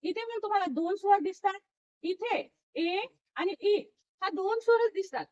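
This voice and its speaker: A woman teaching English phonics in a lesson, patiently sounding out letters slowly one by one. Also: extremely high pitch, animated, a little mellow, muffled recording. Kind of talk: classroom lesson explaining phonics.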